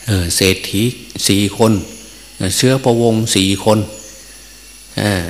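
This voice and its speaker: A man's voice: lowish voice, fairly even intonation, measured pace. A male Buddhist monk teacher telling a story in a sermon. He speaks in a folksy way, with many filler sounds and chuckles, in a temple hall. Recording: long reverb, faint hum.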